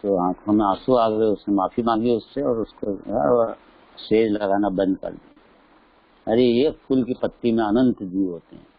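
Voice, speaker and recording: A man's voice: on the low side, unhurried, no room sound. Man telling a sermon story, lo-fi. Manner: lively storyteller, acts out voices in quotes. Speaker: Jain scripture teacher. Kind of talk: religious discourse with storytelling. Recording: dull lo-fi dry recording.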